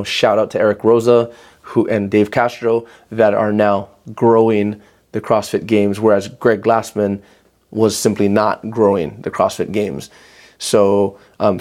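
A man's voice: fairly low pitch, darkish tone. A man hosting a casual podcast, talking in a rambling way with many restarts and fillers. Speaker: podcast host and gym owner.

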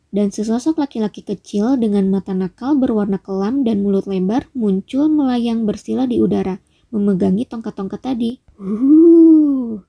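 Gravelly dark-voiced woman narrator. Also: mid-range voice. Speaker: audiobook narrator. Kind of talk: audiobook narration.

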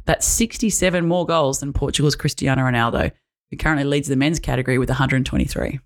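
A woman's voice: a bass voice, quick pace. Chatty woman co-host. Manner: chatty, enthusiastic, self-interrupting. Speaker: podcast co-host. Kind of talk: casual sports podcast chat.

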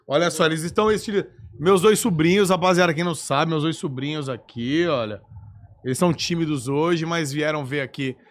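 Brief: playful host, slightly high voice, loose teasing chat. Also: male voice, brisk. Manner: playful, teasing, talks to kids. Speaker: podcast host. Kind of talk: casual chat.

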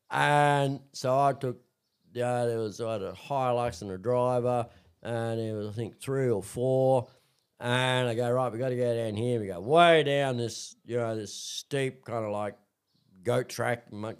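A man with an Australian accent tells stories at an easy, ordinary pitch, wandering through his memories with plenty of fillers and restarts. He talks loosely and chattily, like someone sitting down for a casual chat. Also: clean tone. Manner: rambling, full of fillers and restarts. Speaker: interview guest. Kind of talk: casual storytelling.

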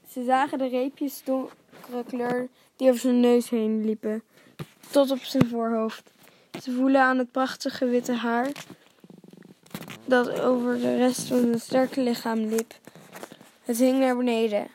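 A woman reading a children's story aloud, calm and steady, sometimes dropping to a near whisper, with small slips as she reads. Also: fairly high pitch, unhurried, a little hiss or hum.

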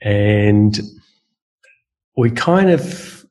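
This podcast host speaks extremely slowly in a lowish, darkish voice with lively intonation, and the audio is poor. He introduces a guest in a loose, hesitant way during a casual chat, with lots of fillers and false starts.

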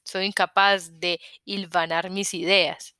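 Bright, crisp female audiobook narrator. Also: fairly low pitch, level tone, no echo, clean studio sound. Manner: measured, first-person storytelling. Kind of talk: scripted narration.

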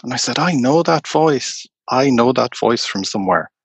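A man, a tour guide, telling stories slowly and unhurriedly in an interview. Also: mid-range voice, expressive, creaky, slightly rough, no echo. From Ireland. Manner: slow, unhurried anecdotal telling. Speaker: tour guide and storyteller guest. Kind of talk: conversational storytelling interview.

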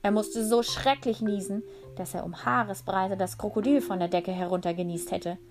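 Teacher narrating a kids' storybook, medium-pitched woman, friendly and clear, soft music underneath. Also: steady tone, normal speed. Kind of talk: reading a children's book aloud.

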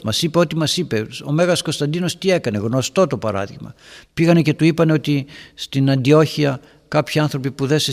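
A man, a priest, giving a homily to a group of parents, telling stories and addressing his listeners as his dear ones. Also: medium pitch. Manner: storytelling, acting out dialogues in raised voices. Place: church hall. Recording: long church-hall reverb.

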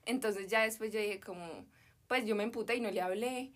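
A woman's voice: mid-range voice, fairly quick. A young woman from Colombia with a Medellín accent, chatting as a podcast guest and telling an emotional story full of slang. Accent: Medellín Colombian Spanish. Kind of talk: casual chat.

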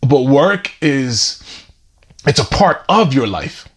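A man with a husky, mid-pitched voice and very lively intonation. He talks casually and informally, thinking aloud with a slangy, reflective turn. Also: slow.

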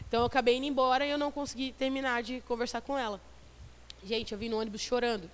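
Fast-talking young woman preaching in a hall. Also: on the high side. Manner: animated storytelling, quick asides and laughs. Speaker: youth service preacher. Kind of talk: sermon with personal testimony.

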